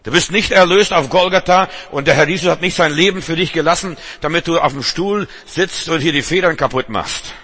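Husky bright-voiced German-speaking preacher. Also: male voice, on the high side. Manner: emphatic, repeats key phrases, slows for refrains, humorous asides. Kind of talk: evening sermon to a congregation.

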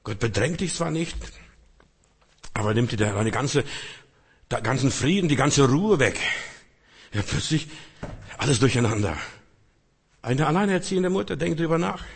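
A man's voice: medium pitch, animated, moderate pace, creaky, long pauses, husky. A man preaching a sermon in church, speaking straight to the congregation with rhetorical questions. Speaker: pastor.

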